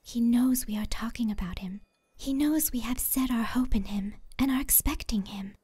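A woman voicing a serene, childlike, otherworldly empress in a fantasy audiobook, speaking in a gentle, measured, breathy whisper. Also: fairly high pitch. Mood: grave, calm. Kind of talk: fantasy audiobook character dialogue.

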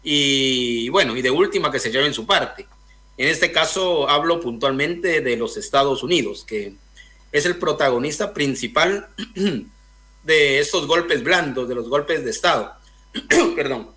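A young man from Guatemala, a filmmaker guest in a radio interview, speaking thoughtfully with many pauses and fillers over a video call. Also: mid-range voice, lively intonation, bright, forceful tone. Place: indoor room, video call.

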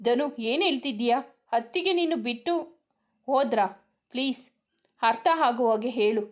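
A woman's voice: fairly high pitch, moderate pace, natural voice. A woman voicing a loyal young male friend who asks urgent questions and reassures in an audio story. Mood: worried.

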